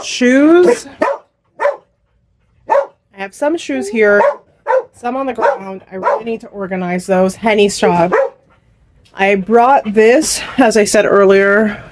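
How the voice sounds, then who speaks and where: A woman's voice: medium pitch, slight background noise. Chatty woman vlogging from home. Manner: chatty, rambling, talks to viewers directly. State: a little out of breath at times. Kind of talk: casual vlog chat. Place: at home in a cluttered bedroom.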